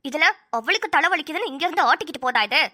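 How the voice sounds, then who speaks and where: A fed-up cartoon daughter-in-law, voiced by a woman, sarcastic and full of grumbling asides. Her voice is very high, bright and sharp, and the words tumble out quickly. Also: animated. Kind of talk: cartoon voice acting.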